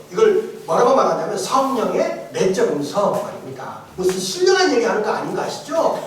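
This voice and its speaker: A male pastor giving a testimony sermon, animated and emphatic, shifting from shouts to soft asides and laughing often. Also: very high voice, a little hiss or hum. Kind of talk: testimony sermon in a church training course. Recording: echoey church hall, mic far off.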